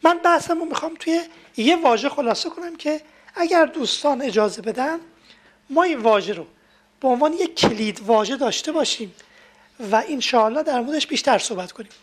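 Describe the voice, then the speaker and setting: A woman's voice: high-pitched, lively intonation. A woman giving a lecture on marriage and managing emotions, explaining with everyday family examples.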